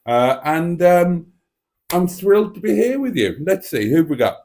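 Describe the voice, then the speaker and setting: A man's voice: on the high side, big pitch swings, measured pace, darkish tone. A man hosting a casual livestream, chatting to viewers in a playful, effusive and theatrical way. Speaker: livestream host. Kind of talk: casual chat to live viewers.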